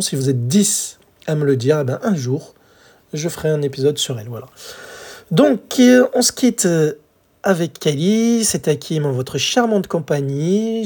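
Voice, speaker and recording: Man in his forties from France, solo podcast host, chatty with lots of fillers, slightly husky voice. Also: fairly high pitch. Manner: chatty, many fillers and restarts, addresses listeners warmly. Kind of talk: casual solo podcast about an old pop song.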